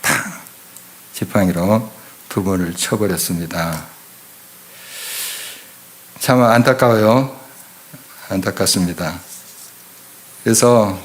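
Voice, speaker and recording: A middle-aged man preaching an expository sermon in church, emphatic and full of rhetorical questions to the congregation. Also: on the low side. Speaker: pastor. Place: church sanctuary.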